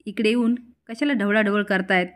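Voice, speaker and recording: A woman's voice: mid-range voice, steady tone, normal speed, natural voice. A woman reading the lines of a proud, angry young woman who scolds her family. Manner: scolding, sharp retorts.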